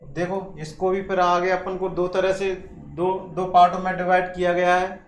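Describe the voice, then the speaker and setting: A male maths teacher gives a classroom lesson, often repeating points and posing questions he answers himself. His voice is high and flat at a moderate pace, recorded in an echoey room with faint background hiss.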